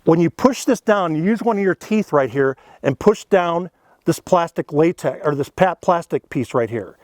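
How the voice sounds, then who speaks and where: A man's voice: on the high side, animated, moderate pace, a little mellow, no room sound. Earnest folksy man teaching elk calls. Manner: folksy, earnest, explains step by step with "you know" and "okay". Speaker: elk calling instructor. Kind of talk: casual instructional demonstration.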